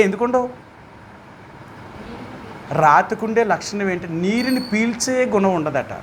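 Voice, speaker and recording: A man's voice: very high voice, a bit bright. A man with a Telugu accent leading a Bible study as pastor, who keeps putting questions to his listeners and speaks with emphasis.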